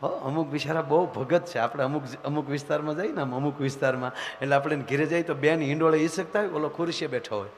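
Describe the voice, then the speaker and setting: A man's voice: a little high, quick pace, hardly any pauses, slight background noise. Man telling comic village stories. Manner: animated rustic storytelling, acting out voices. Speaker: folk comedian. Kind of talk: live comic storytelling. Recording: reverberant stage hall.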